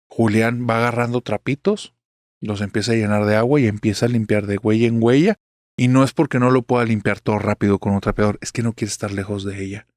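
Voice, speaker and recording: A man's voice: lowish voice, dry recording, studio quality. A man narrating a horror story in a chatty way, speaking straight to the listener. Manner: chatty, addresses the listener directly.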